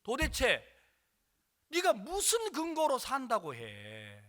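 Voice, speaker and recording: A male preacher acting out a furious older father who shouts accusations at a pastor. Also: very high voice, very animated, normal speed, pitched above the performer's own voice, exaggerated voice.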